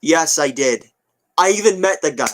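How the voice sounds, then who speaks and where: With slight noise in the background, a twenty-year-old man chats casually to his viewers, addressing their comments. His voice sits on the high side, fairly bright and expressive, at a moderate pace, and he tends to ramble and repeat things offhandedly.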